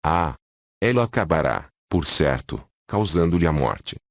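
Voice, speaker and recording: Distressed pleading mother, read by a man, very deep and dry. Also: sing-song, measured pace, dry recording, full character voice.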